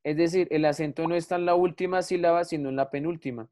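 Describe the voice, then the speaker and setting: A woman's voice: low-pitched, fairly even intonation, quick pace, warm tone. A woman teacher, patiently explaining a grammar lesson to her students and calling them affectionate names. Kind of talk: classroom lesson on Spanish grammar.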